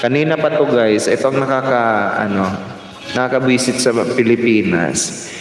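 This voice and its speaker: A man's voice: mid-range voice, normal speed, slight background noise. A man chatting casually on a live stream, rambling with fillers. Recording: very echoey, distant, music behind.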